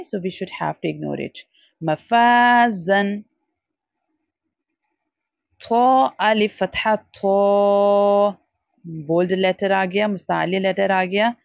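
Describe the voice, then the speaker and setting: A woman teaching Quran reading at a very slow pace, drawing out each letter and syllable. The sound is dull and lo-fi, and the room is very dry. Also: medium pitch, gravelly, no room sound. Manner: slow, drawn-out letter recitation between brisk explanations, mixing English. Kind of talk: recorded online lesson.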